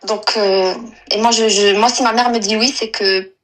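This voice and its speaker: A woman in her twenties from Algeria, calling in to tell a personal story, halting and full of fillers and restarts. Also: mid-range voice, steady tone, fairly bright tone, low-quality recording. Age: 20s. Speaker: caller. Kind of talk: personal confession on a live call.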